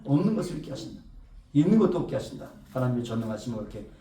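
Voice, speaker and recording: A man's voice: medium pitch, big pitch swings, racing, mellow, roomy sound, distant mic. A man preaching a Sunday sermon, swelling for emphasis and often putting rhetorical questions to the congregation. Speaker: pastor. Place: church sanctuary.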